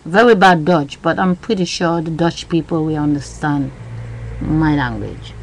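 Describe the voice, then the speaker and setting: A woman with a low voice speaks unhurriedly into her webcam's built-in mic, and the audio is poor, with a little hiss or hum. Her vlog monologue is rambling and agitated, repetitive, and marked by broken, non-native grammar.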